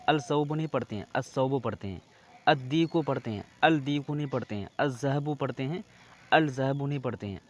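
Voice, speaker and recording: A man's voice: medium pitch, lo-fi sound. A man teaching an Arabic lesson in Urdu, reading Arabic words aloud one at a time and then explaining what each one means.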